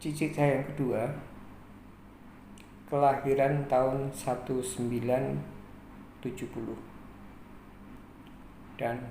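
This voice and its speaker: Man in his 40s, unhurried life-story narrator, pausing often, echoey room with faint hum behind. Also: mid-range voice, level tone, dark tone. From Indonesia. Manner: slow, measured, with frequent pauses. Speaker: channel host.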